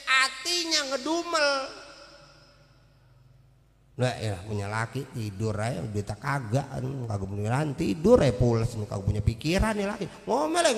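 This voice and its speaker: A Betawi-accented man preaching in a joking, folksy way, speaking directly to his listeners. His voice is very high and bright. A long reverb rings through the prayer hall around him. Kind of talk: humorous sermon.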